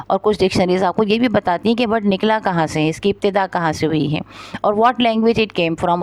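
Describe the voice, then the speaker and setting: A woman teacher, patiently reading English textbook lines slowly and then explaining them at length in Urdu, with frequent fillers. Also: mid-range voice, a little mellow, no echo. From Pakistan.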